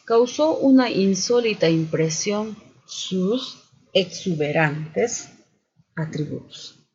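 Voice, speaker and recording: Guy teacher going over spelling drills real slow, husky voice, kinda muffled lo-fi audio. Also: sits high. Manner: methodical, repeats "continuamos" and "muy bien". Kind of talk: spelling and accent lesson for students. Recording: dull lo-fi sound.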